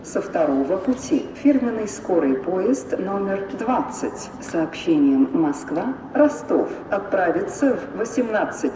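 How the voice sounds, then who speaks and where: A woman making formal, scripted public-address train announcements in a clipped, phrase-by-phrase airport announcement style. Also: fairly low pitch. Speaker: railway station announcer. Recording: dull, distant, echoing, noisy station loudspeaker.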